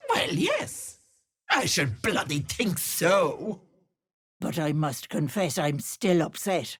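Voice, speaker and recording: A husky, low-voiced old hag, purring sugary endearments that curdle into sly menace. She drawls slowly and swoops widely up and down in pitch, like a cruel game villain playing the kindly auntie. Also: big pitch swings, exaggerated voice. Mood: sly menacing. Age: older. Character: wicked old hag posing as a sweet auntie. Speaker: game character. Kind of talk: video game voice acting.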